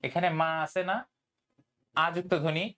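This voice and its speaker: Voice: mid-range voice, little pitch movement, normal speed, fairly bright tone. Tutor checking in with "okay?". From Bangladesh. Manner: keeps asking "okay?", mixes in English words. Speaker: admission test tutor. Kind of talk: online Bangla grammar lecture.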